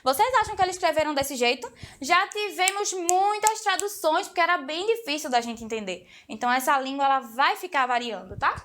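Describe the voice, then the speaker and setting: Bright, lively woman with a Pernambuco accent. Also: high-pitched, a little fast, a little hiss or hum. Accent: Pernambuco Portuguese. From Recife, Brazil. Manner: lively, chatty and playful, addresses viewers directly. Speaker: teacher. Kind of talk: exam-prep video lesson.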